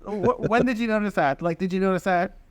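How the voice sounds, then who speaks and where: Man, higher voice, dry close sound, excitable casual podcast chat. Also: fairly quick, smooth, no echo. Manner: excitable, rambling with many restarts. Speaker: podcast co-host.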